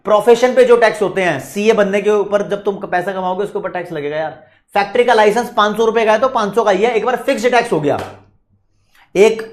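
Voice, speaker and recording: A man with an Indian accent teaching an online exam-prep lecture, chatty and repetitive, talking straight to his students. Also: sits high. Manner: chatty, repetitive, mixes English terms into Hindi; addresses students directly, reads their questions.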